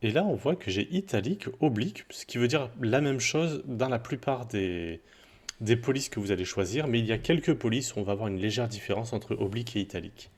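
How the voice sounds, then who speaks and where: A man's voice: mid-range voice, a little fast. Chatty man teaching code. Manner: relaxed, chatty explaining with asides and self-corrections. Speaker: coding tutor. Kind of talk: screen-recorded coding tutorial.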